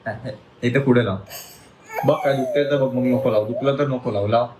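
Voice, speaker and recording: A man's voice: mid-range voice, fairly even intonation, fairly quick, a little mellow, a little hiss or hum, low-quality recording. Man coaxing a child at home. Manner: coaxing and soothing toward a child. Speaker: father and family vlogger. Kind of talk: casual home vlog narration. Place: home indoors.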